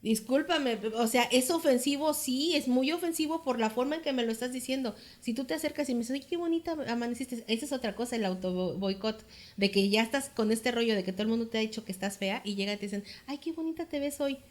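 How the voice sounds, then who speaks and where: A woman with a higher voice talks animatedly. She slips into other people's voices to act out her examples. She sounds like a therapist chatting on a talk show. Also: fast. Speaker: therapist, co-host or guest. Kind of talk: casual conversation on a talk show.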